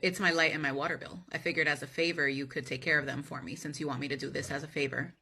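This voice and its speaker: A woman's voice: low voice, steady tone, quick pace, pushed and bright, slightly rough, full character voice. A woman playing an assertive, sardonic office employee in a workplace comedy skit, speaking firmly, bluntly and with sarcasm. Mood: matter-of-fact, firm. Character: assertive, sardonic female office employee who refuses unpaid work.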